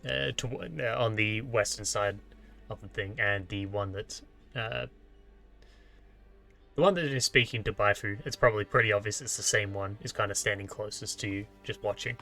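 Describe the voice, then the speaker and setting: An Australian man narrating a tabletop game as game master, casual and halting as he improvises. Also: fairly low pitch, steady tone, gravelly, bright, forceful tone, faint music behind.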